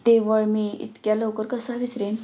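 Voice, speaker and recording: A woman's voice: mid-range voice, flat delivery, moderate pace, mellow, dull audio, natural voice. A woman voicing a frightened, sulky young village boy who pleads and complains, in a storybook reading.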